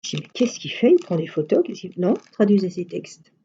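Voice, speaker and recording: A middle-aged woman hosts a casual live stream in a very dark, soft-edged voice with a husky grain. She talks in a chatty, rambling way, moving through little anecdotes. The sound is dull and slightly muffled. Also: lowish voice, sing-song, fairly quick. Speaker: craft live-stream host.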